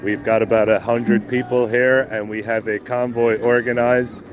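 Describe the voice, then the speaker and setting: A man's voice: mid-range voice, little pitch movement, moderate pace, music in the background. A man from Newfoundland calling in on a CB walkie-talkie radio, reporting upbeat from a rally on location. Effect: over CB walkie-talkie radio. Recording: lo-fi radio with outdoor traffic noise.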